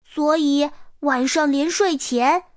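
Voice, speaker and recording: Woman narrator for a children's storybook, high, unhurried, gentle. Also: no echo, studio quality. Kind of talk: storybook read-aloud narration.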